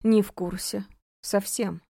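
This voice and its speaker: A reserved, demanding young man in an audiobook, voiced by a woman reader. He speaks in short, blunt, insistent questions, in a mellow, soft tone. The recording is dry and close. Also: mid-range voice, steady tone, slow pace, gravelly, dry recording. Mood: terse. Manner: terse and insistent.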